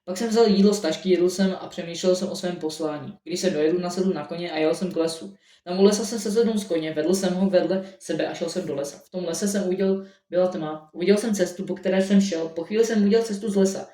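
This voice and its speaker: A man narrating his own story in the first person in a halting amateur reading with frequent restarts. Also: sits high, dark tone. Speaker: audiobook narrator. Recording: roomy echo, mic at a distance.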